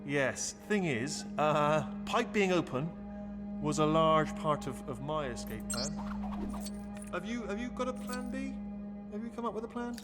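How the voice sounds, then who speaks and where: A chatty, flustered little game robot with a high, swooping voice. He stammers and rambles like a nervous helper, always correcting himself. Loud game music plays behind him. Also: expressive, a little slow. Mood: sheepish, hopeful. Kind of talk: video game character acting.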